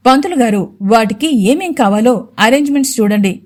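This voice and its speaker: A woman's voice: fairly high pitch, expressive, normal speed, lightly acted. A stern young CEO husband, voiced by a woman speaks in firm, clipped orders. He is protective and short of patience in this audio storybook. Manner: firm, curt, commanding.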